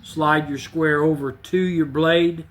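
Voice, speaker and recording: A man hosting a woodworking channel gives a casual demonstration in his home shop, speaking slowly in a fairly high voice. He's plainspoken and repeats himself, restarting sentences in a relaxed way.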